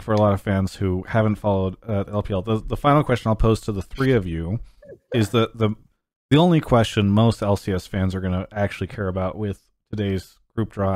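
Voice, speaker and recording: A man with a somewhat low voice hosts a casual panel and moderates by putting questions to his guests. The sound is dry and close, with no room echo. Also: darkish tone. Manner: steers the talk with questions to guests. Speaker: host of a panel show.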